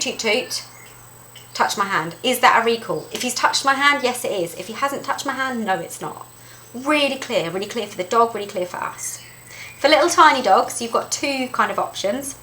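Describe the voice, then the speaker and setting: Lady doing a dog training video, bright voice, punchy, keeps repeating the main bits, faint hiss. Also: poor audio. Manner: lively and emphatic, repeats key points, jumps up high when voicing calls to her dog. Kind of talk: instructional talk to camera.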